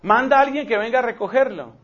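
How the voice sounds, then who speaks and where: A man's voice: extremely high pitch, quick pace, fairly bright tone, voice pushed up. A man preaching voices a young male leader earnestly pleading with the man hunting him, on a dull lo-fi recording. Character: King David, young male leader pleading with his pursuer.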